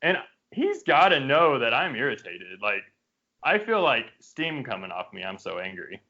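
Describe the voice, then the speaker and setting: A man's voice: medium pitch, moderate pace. A man co-hosting a podcast, telling a story in a casual chat among friends. He swears constantly and is riled up, with lots of fillers. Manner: profane, animated storytelling with frequent fillers. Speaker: podcast co-host. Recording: dull lo-fi podcast audio.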